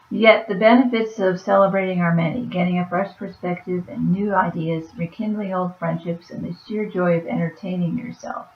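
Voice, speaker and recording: At a normal speed, a woman with a weak, fading, low voice reads oracle cards and then comments on them in passing, quietly and softly. The audio is lo-fi, dull and roomy.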